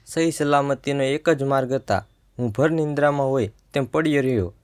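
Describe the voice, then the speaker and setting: A man's voice: mid-range voice, normal speed, a little mellow. A man narrating a first-person story in a tense, suspenseful way.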